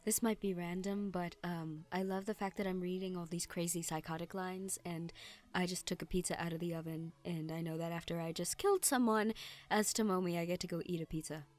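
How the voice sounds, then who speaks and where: A woman voice actor chatting casually between recording takes, giggling often at her own mistakes. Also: medium pitch. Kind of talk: casual recording-session outtakes.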